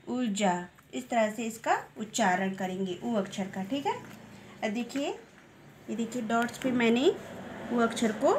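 A woman teacher giving a recorded lesson to young children, talking patiently and slowly, drawing out vowel sounds and checking in with "okay" after each step. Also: a little high, noisy background. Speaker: primary school teacher.

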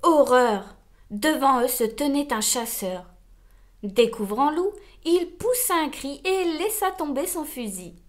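A woman reading a children's storybook aloud, slow, expressive and gentle. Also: sits high.

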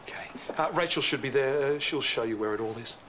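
An actor playing a brisk, businesslike hospital boss and father in a TV soap. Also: mid-range voice, fairly bright tone, slight background noise, close to an everyday voice. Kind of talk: TV soap acting.

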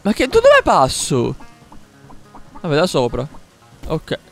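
A young man commentating his own gameplay live, excitable, repeating words in quick bursts and swearing when things go wrong. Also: a little high, vocal fry. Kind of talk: live let's-play commentary. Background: game music.

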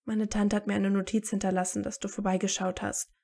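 A woman's voice: medium pitch, little pitch movement, brisk, creaky, warm tone. A woman reading aloud and voicing a tired teenage boy wizard who talks dryly and sarcastically. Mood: wry, tired. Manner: dry and sarcastic.

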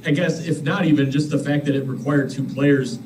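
A man's voice: fairly high pitch, steady tone, brisk, darkish tone. A male reporter asking long, winding questions with hesitant restarts over a remote call. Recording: distant call audio with noise.

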